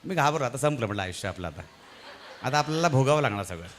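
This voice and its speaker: A man doing stand-up comedy on stage at a live event, telling an animated story and acting out its voices. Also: medium pitch, quick pace, slight background noise. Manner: animated, acts out the voices in his stories.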